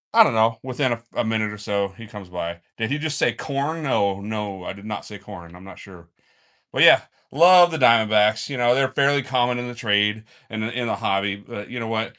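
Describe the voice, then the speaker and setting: A man hosting a live snake-feeding stream from an indoor snake room, talking in a relaxed, chatty way as he coaxes the snakes and answers viewers. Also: lowish voice, moderate pace. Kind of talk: casual live-stream narration. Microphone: handheld phone camera.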